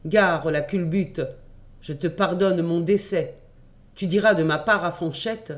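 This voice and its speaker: A man's voice: high-pitched, a little slow. A man voicing a blunt, mocking boy cousin in an audiobook reading, with a dry, sardonic delivery.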